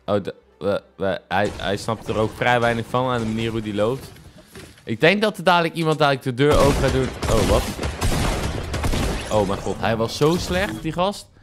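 A man's voice: medium pitch, lively intonation, normal speed, music in the background. A young man giving casual, exclamatory reaction commentary peppered with English slang, speaking into a close desk microphone. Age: young adult. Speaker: reaction video host. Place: small furnished room at home, indoors. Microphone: close desk microphone, headset on.

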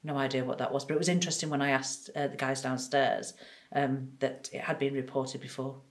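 A woman's voice: very deep voice, flat delivery, fairly quick. Chatty woman ghost hunter. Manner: chatty, with many ums. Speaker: paranormal investigator. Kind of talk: recounting an experience in an interview.

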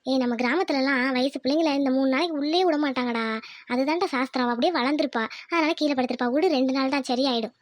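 A woman voicing an older village mother in a cartoon, who scolds her son gently and explains things patiently. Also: sits high, quick pace, no room sound, clean studio sound, natural voice. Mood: patient, soothing. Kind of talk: cartoon voice acting.

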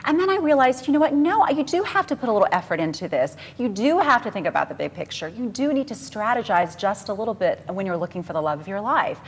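Casting: woman, thirties, playful emphatic TV advice guest, mid-pitched, echoing room. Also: big pitch swings, fast talker, few pauses, slightly rough. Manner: playful, emphatic, repeats herself. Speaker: dating coach, TV guest. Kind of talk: morning TV interview chat. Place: TV studio set, seated indoors. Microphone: lapel mic.

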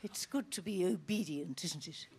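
A woman playing a prim, deadpan small-town sister. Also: lowish voice, moderate pace, gravelly, crowd noise, background noise. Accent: Australian. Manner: prim, flat, obedient deadpan delivery.

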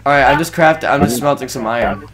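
A man's voice: mid-range voice, quick pace. A man playing a game with friends over voice chat, mock-panicking and repeating his lines. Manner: jokingly frantic, repeats himself. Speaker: gamer in group voice chat. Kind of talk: casual gaming chat.

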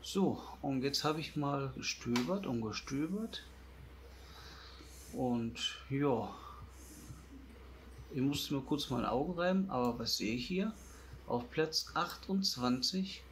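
Unhurried man vlogging. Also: mid-range voice, expressive, fairly bright tone, a little hiss or hum. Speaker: YouTuber. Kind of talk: casual vlog talk.

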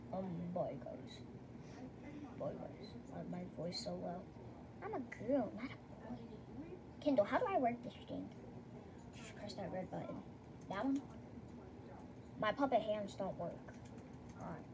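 A young girl hosting a playful kids' vlog, her voice run through a filter that shifts it very deep. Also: sing-song, unhurried, long pauses, noisy background. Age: child. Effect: voice pitch-shifted very deep.

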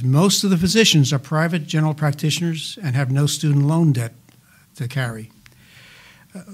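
An older man answering interview questions as a healthcare finance advisor, measured and statistic-heavy with frequent "uh" fillers and dry asides. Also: a little high.

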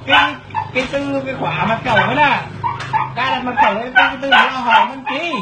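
A man's voice: very high voice, quick pace. A man playing a prank on a neighbor, repeating himself and breaking into laughter as he talks. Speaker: prankster asking a neighbor for a wifi password. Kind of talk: hidden-camera prank chat. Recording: noisy background.

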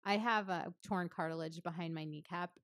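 Female PT co-host, 30s, lowish voice, casual rambling storyteller, dry recording. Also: normal speed, no room sound. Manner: chatty, many fillers, laughs often, lively storytelling. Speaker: physical therapist and podcast co-host. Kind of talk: casual chat.

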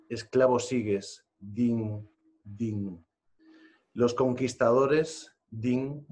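A man moderating a live book presentation, speaking haltingly with fillers and reciting a poem solemnly. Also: on the low side, warm tone. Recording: dull lo-fi event recording.

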